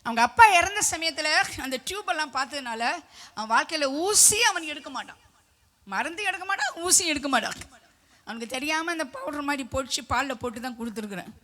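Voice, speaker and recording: A middle-aged woman preaching a testimony sermon with fervor, swelling into loud emphatic declarations and sometimes singing hymn lines. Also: high voice, lively intonation, quick pace, a little hiss or hum. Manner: breaks into sung hymn lines.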